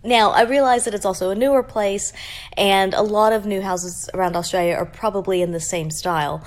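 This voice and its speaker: A woman's voice: mid-range voice, steady tone, brisk. A woman hosting a podcast in casual chat, recorded in a big, echoey, cavernous room. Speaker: podcast host.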